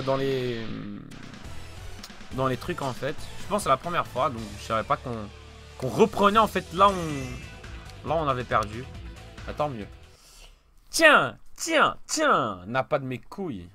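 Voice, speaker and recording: A young man commenting on his own fighting game play, swearing and yelling at the screen, then muttering. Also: fairly high pitch. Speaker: let's play gamer. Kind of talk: frantic let's play commentary. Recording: game music behind the voice.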